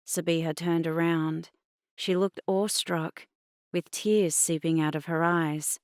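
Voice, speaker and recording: A woman with an Australian accent reading a novel aloud in steady, even scripted narration. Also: low voice, a little slow, smooth, dry recording, clean studio sound. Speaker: audiobook narrator.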